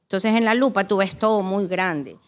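A woman's voice: mid-range voice, moderate pace. A middle-aged woman who founded a spa, casually recalling her early years and thanking her clients. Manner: warm reminiscing, grateful.

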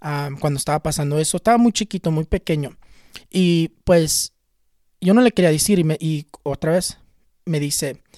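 A man telling a personal story in a casual, halting way, often repeating and restarting words. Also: fairly high pitch, a little mellow, no echo, studio quality. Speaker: channel host recounting a spiritual experience.

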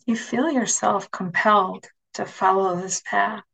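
A woman leading guided relaxation imagery as an instructor, speaking softly and soothingly, with phrases that sink toward a breathy near-whisper. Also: mid-range voice, steady tone, a little slow, poor audio.

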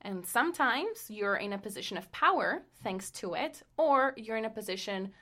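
A woman's voice: medium pitch, expressive, normal speed, sharp tone. A woman from Costa Rica with an accent, not a native English speaker, co-hosting a casual podcast and explaining things with easy laughs. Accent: Costa Rican. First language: French and Spanish. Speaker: podcast co-host.

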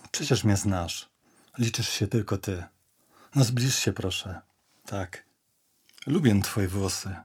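A man voicing a pleading, possessive young woman in an audio drama, coaxing and insistent, sometimes sinking to a soft intimate hush. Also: fairly low pitch, husky, pitched below the performer's own voice.

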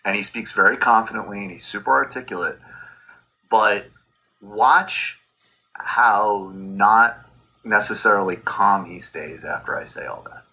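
A man with a lowish, husky voice argues politics with a bright, forceful edge. He hosts a show, talks over his opponent and comments on a clip of his own debate. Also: unhurried.

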